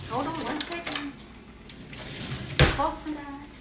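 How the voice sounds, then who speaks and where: Heavy background noise and a distant mic in an echoey room surround this home cook's voice. She's a middle-aged woman narrating her casual cooking vlog step by step in her kitchen, playful and full of cheery exclamations, her high-pitched voice steady in tone and measured in pace.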